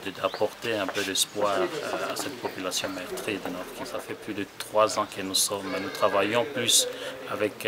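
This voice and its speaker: A middle-aged man from Congo working in humanitarian aid, answering interview questions outdoors with many hesitant fillers. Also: fairly low pitch. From Democratic Republic of the Congo. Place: outdoors beside a brick building.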